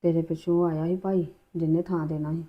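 An actress playing a worried, sharp-tongued female relative with a Punjabi accent, probing and scolding. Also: deep voice, flat delivery, a little fast, close to an everyday voice. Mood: concerned. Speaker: relative in a family drama. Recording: dull lo-fi sound.

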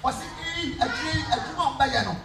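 A young man with a Ghanaian English accent preaching a sermon, swinging between loud calls and low asides as he moves about the stage. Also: moderate pace, creaky, a little hiss or hum. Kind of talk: sermon with call and response. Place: large church hall under a metal roof. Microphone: handheld microphone. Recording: echoey hall, far from the camera, music behind.

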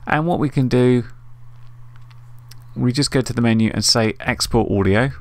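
Speaking into a USB desktop microphone, a man hosting a casual screen-recorded tutorial thinks out loud informally while he works. His voice is medium in pitch at a normal pace, with no room sound.

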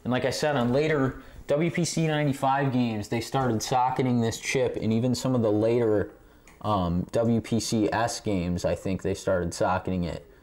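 In a game room lined with arcade machines, the host of a pinball repair series gives a relaxed, hands-on tutorial. His mid-range voice is steady and somewhat dark, moving at a moderate pace. The sound comes from a camera mic on a tripod a short distance away, with clicks and obvious background noise.

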